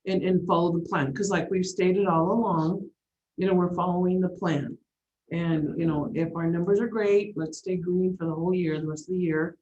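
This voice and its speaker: A woman on a school board works through a question out loud, hedging with frequent "you know"s. Her voice sits a little low. The meeting audio is dull. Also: steady tone, moderate pace, a little hiss or hum. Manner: thinking aloud, frequent affirming murmurs.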